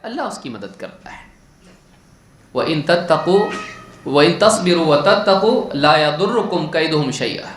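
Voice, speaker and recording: High-voiced preacher in an echoey room. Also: male voice, fairly bright tone. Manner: asks questions and answers them himself; recites Arabic verses between explanations. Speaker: Islamic scholar teaching hadith. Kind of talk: religious lesson.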